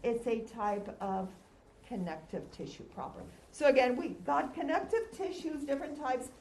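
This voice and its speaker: A woman's voice: sits high, moderate pace, a little mellow. A woman giving a conversational classroom lecture through a face mask, slightly muffled, putting questions to her listeners and answering them. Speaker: lecturer teaching anatomy and histology. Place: lecture room, recorded as audio. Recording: roomy, echoing lecture room with background noise.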